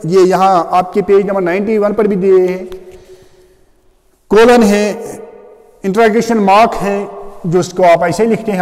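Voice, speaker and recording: A man's voice: sits high, darkish tone, in a large hall. A male teacher giving a classroom grammar lecture, explaining step by step and often checking what the students already know.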